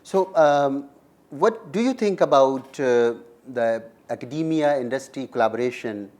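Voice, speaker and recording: A man's voice: medium pitch, a little slow, darkish tone. A man hosting a talk show, asking questions politely and hesitantly with many fillers. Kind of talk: interviewing.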